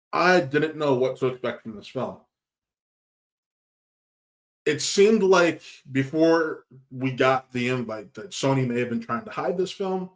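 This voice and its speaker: Chatty man hosting a movie review. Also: medium pitch. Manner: chatty, rambling with restarts and asides. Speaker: film reviewer, channel host. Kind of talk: casual movie review talk.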